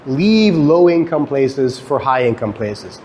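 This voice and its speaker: Speaking slowly in a mid-range, slightly mellow voice with big pitch swings, a Guyanese-born academic now in Canada lectures students in a conversational way. He asks questions and then answers them himself, captured in a clearly noisy live lecture room recording.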